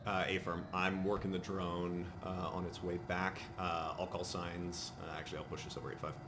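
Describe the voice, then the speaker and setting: A man's voice: low voice, little pitch movement, normal speed. A man giving procedural, matter-of-fact military radio calls while playing a simulation game. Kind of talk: military radio commands, gaming. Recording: loud background noise over game audio.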